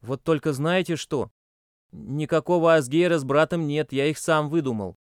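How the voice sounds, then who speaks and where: A man's voice: normal speed, smooth, no echo, studio quality, lightly acted. A man voicing a frightened young boy who stammers and shrieks in panic. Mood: sheepish. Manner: hysterical, stammering, shrill.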